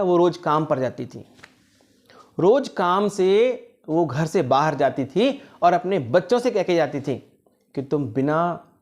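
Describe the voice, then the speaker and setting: A man telling a fable to children in an animated way, often asking the listeners questions. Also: fairly high pitch. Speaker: motivational speaker. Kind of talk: storytelling for children.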